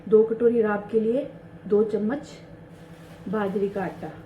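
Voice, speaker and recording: A woman in her thirties narrating her daily home chores in a soft, hushed voice-over, chatty and confiding. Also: mid-range voice, fairly even intonation, slow, phone-quality sound, slight background noise. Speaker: home vlogger. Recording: roomy home voice-over with faint ambience.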